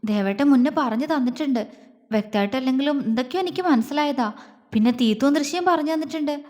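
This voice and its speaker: A woman's voice: high voice, fast talker, darkish tone, big-room sound, lightly acted. A woman voicing a shy, tearful young bride in a romance audio story, speaking hesitantly and pleadingly. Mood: timid.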